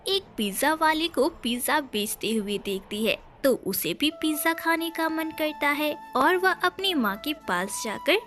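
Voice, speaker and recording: High-voiced woman storyteller. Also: measured pace, hardly any pauses, soft background music. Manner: dramatic, expressive. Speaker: narrator. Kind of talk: scripted storytelling narration.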